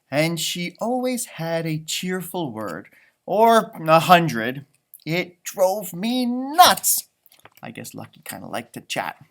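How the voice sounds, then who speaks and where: With a fairly high voice edged by vocal fry, a man reads a children's story and keeps up an animated, chatty, improvised commentary on the pictures. Slight background noise can be heard.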